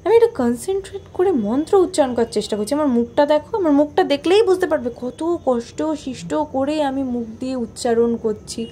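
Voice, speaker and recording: A woman's voice: high voice, animated, brisk, few pauses, dark tone, a little hiss or hum. A young woman narrating her own vlog in a chatty, playful, self-mocking voice-over. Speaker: vlogger.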